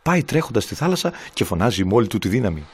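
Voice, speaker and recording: A man telling a folk tale in a very animated, sing-song way. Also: on the low side, breathy edge. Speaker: storyteller.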